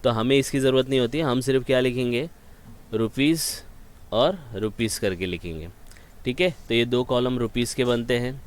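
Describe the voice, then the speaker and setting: Casting note: man teaching exam prep, smooth clear voice, asks a question and then answers it himself. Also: medium pitch, normal speed. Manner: repeats questions to the student, mixes English terms into Hindi. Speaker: accounting teacher. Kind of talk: explanatory lecture.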